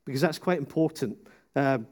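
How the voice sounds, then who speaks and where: A man preaching a sermon at a church service, retelling a story with lively asides and acted quotes. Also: medium pitch, brisk. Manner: animated storytelling, jumping into voices.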